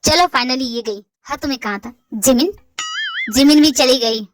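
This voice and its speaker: A woman's voice: high voice, normal speed, soft background music. A woman voicing several roles in a hobby audio drama, teasing and bantering. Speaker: fan-fiction voice actor.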